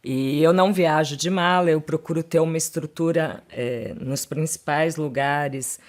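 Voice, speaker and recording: A woman's voice: sits low, measured pace. Brazilian lady lawyer on a podcast, easy practical chat, keeps saying tags. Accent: Brazilian Portuguese. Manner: fluent, practical, frequent tag questions. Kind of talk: casual interview chat.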